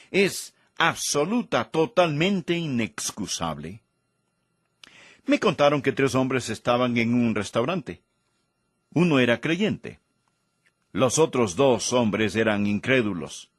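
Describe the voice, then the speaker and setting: Husky guy preaching a sermon, slow, big swings up and down, dry close sound. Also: mid-range voice, no room sound. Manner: emphatic, rising and falling for stress.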